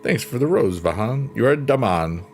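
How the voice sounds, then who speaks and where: A livestream host in his fifties with a deep bass voice reads viewer comments and chats casually, relaxed, friendly, and unhurried. Chill piano music plays clearly behind him.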